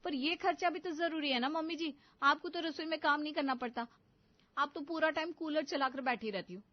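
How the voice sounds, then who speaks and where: Lady doing a young bahu, sharp tongue, always complaining, dull muffled audio. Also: sits high, a little fast, no room sound, lightly acted. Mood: pleading. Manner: quarrelsome, complaining. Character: sharp-tongued young wife, touchy about money.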